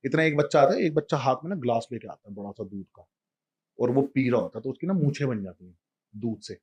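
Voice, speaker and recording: A man telling a devotional story in a lively, casual way, talking straight to a listener. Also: medium pitch, fast talker, slightly rough.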